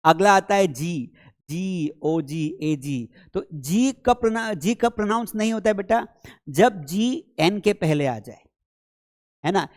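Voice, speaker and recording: A man teaching an English spelling lesson, lively and chatty, asking and answering his own questions as he explains. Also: high voice, unhurried.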